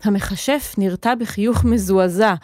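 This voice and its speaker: A woman narrates a children's story with clear, expressive storytelling at a middle pitch. The recording is dry and close. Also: dry recording.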